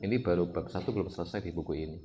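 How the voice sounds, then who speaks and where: A man, giving an evening Islamic study talk in a lively, storytelling way. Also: sits low, racing, a little hiss or hum. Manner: animated, acts out scenes with sudden loud outbursts. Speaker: Islamic preacher.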